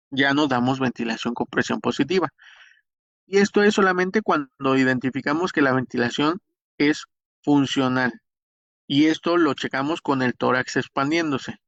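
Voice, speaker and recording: A man's voice: on the high side, fairly bright tone, dry recording. Hesitant Mexican male instructor. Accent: Mexican Spanish. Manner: explanatory, many hesitations and restarts. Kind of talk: spoken lecture. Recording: dull, dry lo-fi recording.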